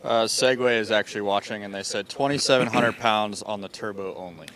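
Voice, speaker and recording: A man from the shop crew passing along information and teasing his coworkers in a relaxed way. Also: on the low side, fairly quick, a little hiss or hum. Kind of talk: joking banter.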